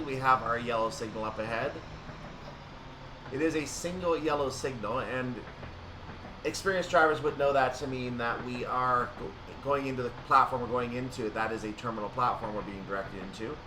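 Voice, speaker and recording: Speaking briskly from a distance, a man hosting a gaming video narrates his train simulator play off the cuff, reasoning out loud and walking through every step. The room echoes, he's off-mic, and a constant hum and rumble runs underneath.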